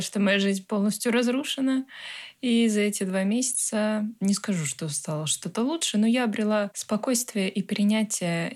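A woman in her twenties, a filmmaker, answering interview questions in a calm, reflective and earnest way. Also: mid-range voice. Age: 20s. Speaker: guest filmmaker.

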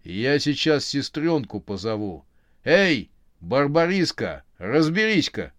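A man voicing a small, grumpy toy teddy bear with a smoke-roughened voice, scolding and bossy. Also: mid-range voice, expressive, measured pace, no room sound, natural voice.

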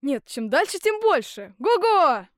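A woman's voice: fairly high pitch, big pitch swings, normal speed, no echo, clean studio sound. A woman reading a storybook aloud, voicing a boisterous, cocky young simpleton man who whoops and boasts. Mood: gleeful. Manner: loud whooping, brash and gleeful.

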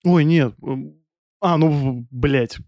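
A man's voice: a little high, slow, a little mellow, no echo, clean studio sound. A man co-hosting a podcast in casual banter, joking wryly and swearing freely. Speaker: podcast co-host.

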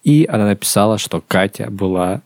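A man's voice: fairly low pitch, expressive, brisk, a little mellow, no echo, clean studio sound. A man in his thirties hosting a casual podcast chat, talking loosely with restarts and frequent laughs. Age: 30s. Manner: chatty, laughs often, trails off in restarts. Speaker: podcast host.

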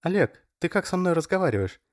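A male reader voicing a frightened young woman who pleads in a high, strained voice. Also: very animated, moderate pace, no room sound, studio quality. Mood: indignant.

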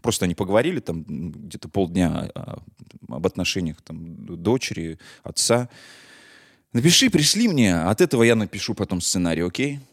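A deep-voiced man, appearing as an interview guest, speaks at a normal speed while sharing stories in a relaxed way. He brings them to life by acting out dialogue and tossing in slangy remarks.

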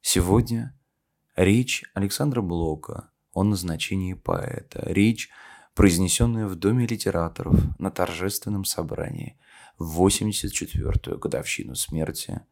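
A podcast host who reads famous speeches gives a spoken intro, then dramatically recites a historical speech in a solemn, declamatory, oratorical style. His voice is low and darkish at a normal speed, with background music playing under it.

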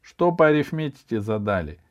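A man's voice: medium pitch, sing-song, fairly quick, natural voice. A man reading a storybook, voicing a strict, commanding schoolgirl who bosses a classmate around. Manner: stern, commanding. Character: stern bossy schoolgirl, strict and threatening.

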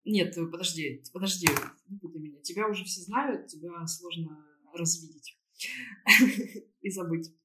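A woman's voice: on the low side, a little slow, background noise. A woman co-hosting a podcast in casual chat, hesitantly searching for her words as she goes. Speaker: podcast co-host.

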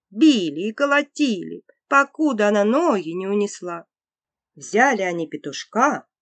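Expressive woman telling a fairy tale. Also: mid-range voice, no echo. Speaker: storyteller. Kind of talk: scripted fairy-tale narration.

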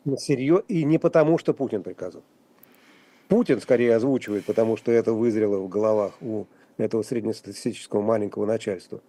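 Speaking from a radio studio as a guest commentator on a talk show, a man comes across halting and wry, often restarting and leaning on fillers. His voice is lowish and mellow.

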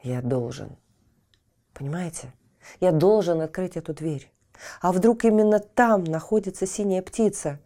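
A woman's voice: on the low side, measured pace, warm tone. A woman voicing a curious, determined young boy in a children's audio fairy tale. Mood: resolute. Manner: eager and questioning, resolute.

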